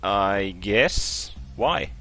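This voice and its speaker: A man voicing a polite, calm young male student in a visual novel. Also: fairly low pitch, extremely slow, gravelly, full character voice. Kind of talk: reading visual novel dialogue aloud.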